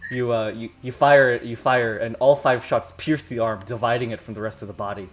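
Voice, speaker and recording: A man as game master, improvising narration for a tabletop game in a halting way, often repeating words. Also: medium pitch, fairly even intonation.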